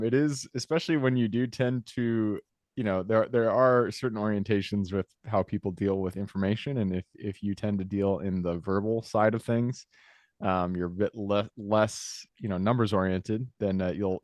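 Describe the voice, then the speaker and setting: A man hosting a podcast interview over a video call, upbeat and agreeable, with quick interjections. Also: lowish voice, fairly even intonation, a little mellow, dry recording, clean studio sound. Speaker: podcast host. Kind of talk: casual interview.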